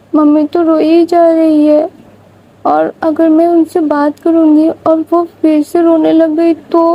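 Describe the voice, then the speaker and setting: A woman's voice: very high-pitched, lo-fi sound, voice pushed up. A woman voicing a small girl who is crying and pleading with her aunt over the phone. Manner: tearful, whiny pleading.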